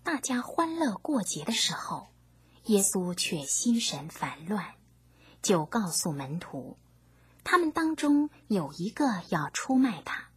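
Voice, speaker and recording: A woman narrating a scripture story, reading gently in a half-whispered way. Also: medium pitch, sing-song, slow pace, slightly rough.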